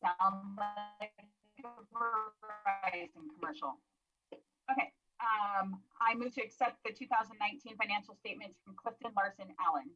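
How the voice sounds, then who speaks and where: A woman's voice: medium pitch, steady tone, normal speed, bright, forceful tone, dull audio, faint music behind. A council member on a remote video call, making a brief formal motion with a light joke while her audio keeps breaking up. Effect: audio breaking up over a remote call. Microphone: remote video call connection.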